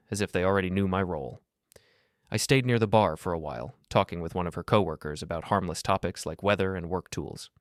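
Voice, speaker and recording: A man telling a first-person story as scripted narration, in a calm, measured and even way. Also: deep voice, no echo, studio quality.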